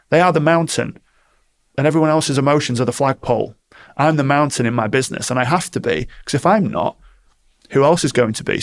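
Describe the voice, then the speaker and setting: Male coach, calm and firm, gravelly voice, storytelling interview answers. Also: medium pitch. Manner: calm, firm, explains with stories and quoted exchanges. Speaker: performance coach.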